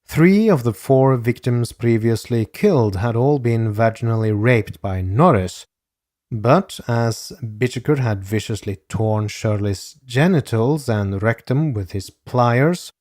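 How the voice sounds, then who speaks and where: A man narrating a true-crime podcast in a grave, measured reading. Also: medium pitch, animated, a little mellow, dry recording, studio quality. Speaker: podcast host.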